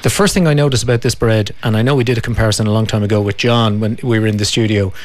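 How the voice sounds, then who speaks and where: A man's voice: on the low side, steady tone, rapid-fire. A man hosting a casual radio studio chat, chatty and enthusiastic as he tastes food on air. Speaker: radio host.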